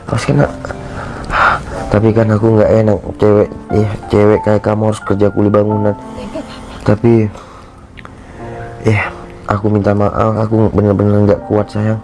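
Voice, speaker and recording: A man's voice: lowish voice, monotone, a little slow, pauses often. An actor playing a sick young husband who sounds weak and pained and keeps apologizing to his wife. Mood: weak, apologetic. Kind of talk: short film acting. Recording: background music under the dialogue.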